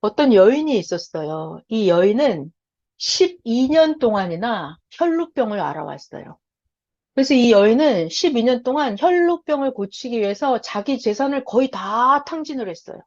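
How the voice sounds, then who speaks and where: A woman's voice: a little high, sing-song, normal speed, darkish tone. A woman teaching a Bible story lesson, quizzing her listeners and acting out the voices in quotes. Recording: dull lo-fi sound.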